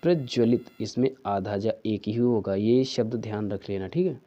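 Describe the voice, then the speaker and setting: A man teaching a spelling lesson for exam preparation, going slowly through each answer and checking in with "theek hai". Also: fairly low pitch, mellow, muffled recording. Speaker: Hindi teacher.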